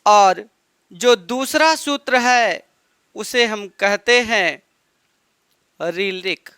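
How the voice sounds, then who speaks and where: A male teacher giving a slow exam-prep lecture, repeating each item and quizzing his students. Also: sits high, pushed and bright, clean tone, no room sound, clean studio sound.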